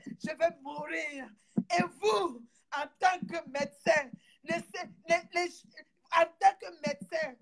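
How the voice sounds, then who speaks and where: Furious high-voiced woman ranting. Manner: indignant, shouting, repeating phrases. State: furious, near tears. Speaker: online commentator. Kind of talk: angry monologue to viewers.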